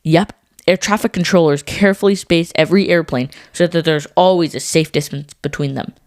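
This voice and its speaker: This low-voiced female co-host of a scripted children's learning podcast speaks fairly quickly, with fairly even intonation and a darkish tone. Her explanations stay clear and simple, and the audio is completely dry with no room sound.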